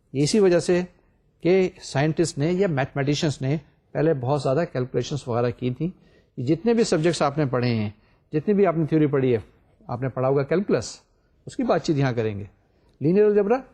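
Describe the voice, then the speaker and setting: A man's voice: a little high, animated, mellow. An older man giving a recorded university lecture, explaining step by step and asking the class rhetorical questions.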